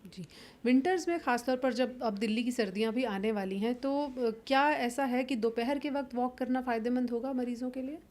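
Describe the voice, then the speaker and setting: Polite woman interviewer, slightly high voice. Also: a little fast, a little mellow. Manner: polite, formal questioning. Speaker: interviewer, host. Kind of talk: interview questions.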